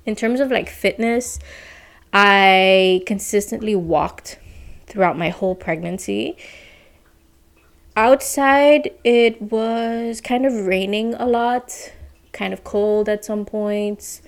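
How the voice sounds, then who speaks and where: A young adult woman from the Caribbean, heavily pregnant and a little out of breath, chatting casually on her podcast with lots of "like" and "you know". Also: medium pitch. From Saint Martin, Caribbean. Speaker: podcast host. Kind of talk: casual personal update.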